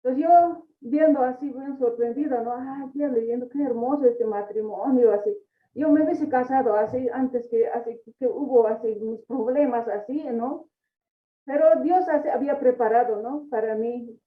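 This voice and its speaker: Tinny, echoey woman's testimony. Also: fairly high pitch. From Bolivia. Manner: halting, tags nearly every phrase with a questioning tag. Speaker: church member giving testimony. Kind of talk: personal testimony in church. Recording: echoey hall from far off, tinny phone-like sound.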